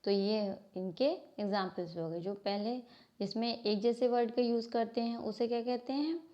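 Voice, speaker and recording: A woman with a fairly high, steady voice delivers a Hindi grammar lesson to a class from a book, keeping a moderate pace. She raises questions, answers them herself, and regularly stops to correct her own words. The lo-fi recording sounds a little dull.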